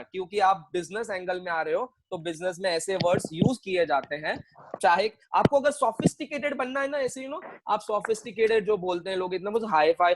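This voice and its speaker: A man's voice: high-pitched, a little hiss or hum, poor audio. A man teaching an online accounting class, mixing Hindi and English, joking with his students and repeating phrases as he quizzes them.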